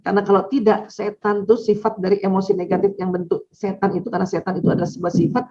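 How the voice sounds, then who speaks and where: Middle-aged woman, husky and animated, for a religious parenting lecture on a dull, lo-fi recording. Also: medium pitch, quick pace. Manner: animated, acts out child and parent voices. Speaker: Islamic parenting speaker.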